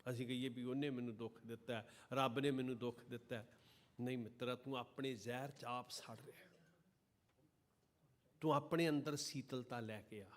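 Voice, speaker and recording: A man preaching a sermon to a congregation at a gurdwara, chanting and singing scripture lines slowly between passages of fervent preaching. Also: mid-range voice. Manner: addresses the congregation directly. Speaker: Sikh preacher giving katha. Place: gurdwara hall during an evening service.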